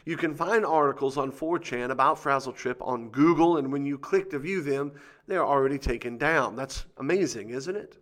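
A man's voice: medium pitch, normal speed, fairly bright tone. A man hosting a conspiracy show, reading scripted commentary with dramatic emphasis and rhetorical questions.

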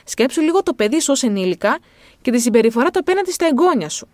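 A woman's voice: high voice, sing-song, dry recording. A woman hosting a parenting talk, speaking directly to the listener in a reflective monologue. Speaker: parenting podcast host.

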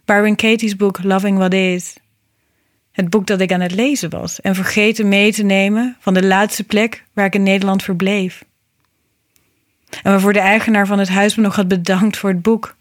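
A woman reading a scripted, reflective narration in a gentle, meditative manner. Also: mid-range voice, level tone, normal speed, dry recording, clean studio sound. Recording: music behind the voice. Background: music.

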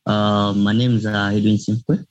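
A man's voice: on the low side, level tone, normal speed, dull audio. A young man from Zambia, a student guest in a casual interview, speaking hesitantly with many fillers. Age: young adult.

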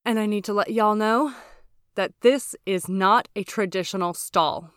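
A woman's voice: medium pitch, a little slow, clear, resonant tone, dry recording, studio quality. A woman hosting her own casual knitting podcast. She talks chatty and candid, mocks herself, and swears freely. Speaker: podcast host. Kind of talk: casual solo podcast chat.

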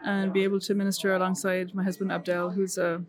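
Middle-aged lady, earnest, keeps restarting, pretty flat monotone delivery. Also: medium pitch, fast talker, crowd noise. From Ireland. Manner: earnest, with frequent restarts and fillers. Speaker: missionary guest. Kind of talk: conversational interview.

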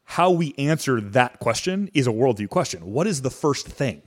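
A man's voice: medium pitch, animated, moderate pace. A young adult man hosting a casual podcast, explaining ideas in a rambling way with lots of fillers and restarts. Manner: rambling, self-correcting, heavy on fillers. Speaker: podcast host. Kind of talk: casual chat and teaching.

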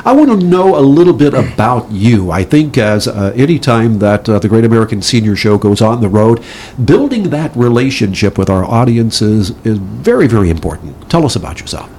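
A man's voice: medium pitch, very animated, normal speed, a little mellow, slight background noise. A man hosting a business interview podcast, opening with an emphatic announcer style and asking his guest questions. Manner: enthusiastic, emphatic announcer delivery. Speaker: podcast host. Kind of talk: upbeat interview host.

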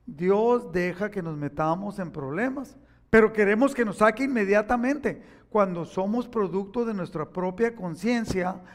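A preacher in middle age with a high-pitched voice. He delivers a sermon in a storytelling way, acting out the people in his anecdotes and then pressing his listeners with urgent questions. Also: unhurried. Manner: storytelling preacher, acts out quoted voices, rising to emphatic exhortation. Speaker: pastor.

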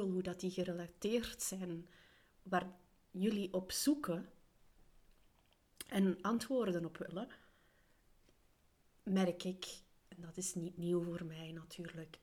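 A Flemish woman hosts a solo podcast while she is ill, so her weakened voice keeps slipping into a whisper. She speaks calmly and earnestly in a fairly low register, pausing to think. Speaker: podcast host and coach for separated parents.

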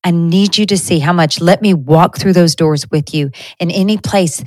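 Earnest low-voiced woman host. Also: moderate pace, a little mellow, no room sound, rough recording. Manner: earnest and conversational, with frequent restarts. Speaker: podcast host. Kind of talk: reflective faith talk to listeners.

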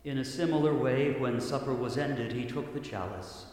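Priest praying in cathedral echo. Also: male voice, mid-range voice, darkish tone. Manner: measured, reverent phrasing. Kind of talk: solemn liturgical prayer recitation. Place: large echoing church. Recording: cathedral-like echo, long reverb, clear background noise.

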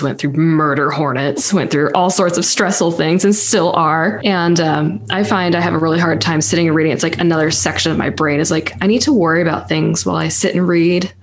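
Low-voiced woman podcast co-host. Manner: lively, joking, quick asides. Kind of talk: casual chat.

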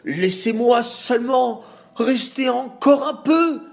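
A man's voice: lively intonation, unhurried. A man voicing a humiliated guest who begs to stay in a trembling voice. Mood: pleading. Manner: pleading, trembling low voice. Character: humiliated adult man, pleading then vengeful.

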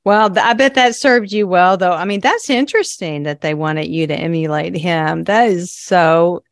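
A woman hosting an interview show, asking her guest questions and responding to his stories with quick affirmations. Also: on the low side, no echo, clean studio sound. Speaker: show host.

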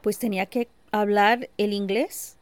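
A woman, co-hosting a casual podcast chat and telling stories in a reflective, measured way. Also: mid-range voice, steady tone, no room sound. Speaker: podcast co-host. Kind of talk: casual conversation.

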